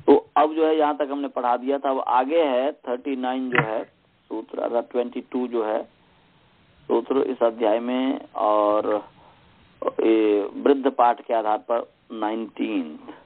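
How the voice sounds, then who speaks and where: Male teacher for an online class, slow and patient, drills sounds over and over, tinny call audio. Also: medium pitch. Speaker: Sanskrit teacher. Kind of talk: slow online lesson with chanting. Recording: tinny phone-line audio.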